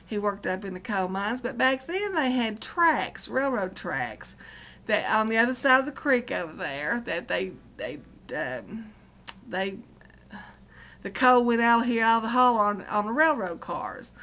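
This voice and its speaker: A woman's voice: mid-range voice, animated, measured pace, pushed and bright. Middle-aged woman with an Appalachian accent, chatting. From Appalachian West Virginia, United States. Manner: folksy, colloquial, meandering. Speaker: vlogger. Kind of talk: casual rambling chat to viewers.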